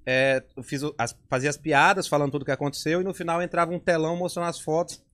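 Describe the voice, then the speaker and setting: A Brazilian man, a comedian, chatting casually on a podcast and telling bawdy jokes in an animated way. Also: on the high side, quick pace. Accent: Brazilian Portuguese. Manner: animated, jumps into lewd joke voices. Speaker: comedian guest.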